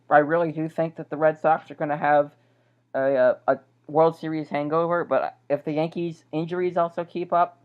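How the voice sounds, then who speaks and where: A woman on a casual sports podcast, talking hesitantly and repeating her words. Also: low-pitched. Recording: dull lo-fi internet call audio.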